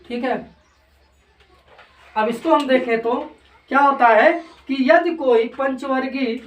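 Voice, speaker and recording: A woman teacher giving a grammar lesson, speaking deliberately and answering her own repeated questions. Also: high voice. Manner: slow, repetitive, keeps asking and answering her own questions. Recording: echoey room, voice from a distance.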